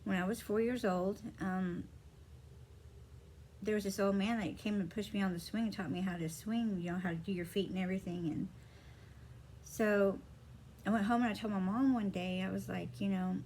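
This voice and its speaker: A woman's voice: mid-range voice, fairly even intonation, moderate pace, darkish tone, a little hiss or hum, rough recording. A woman vlogging casually, telling a story from her childhood with many fillers and acting out the dialogue. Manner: rambling, many fillers, acts out quoted dialogue. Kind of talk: casual personal storytelling to camera.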